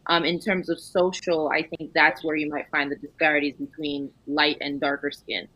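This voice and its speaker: Woman, 30s, low voice, bright forceful tone, dry webcam sound, video call panel. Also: flat delivery, normal speed, no room sound, lo-fi sound. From New York. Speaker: panel guest. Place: home living room.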